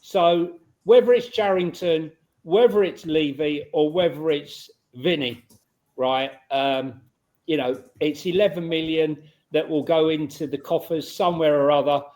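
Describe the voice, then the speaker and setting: A man with a fairly high voice talks casually as one of the panel on a football fan show. His delivery is conversational. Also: a little slow, darkish tone. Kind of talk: casual chat.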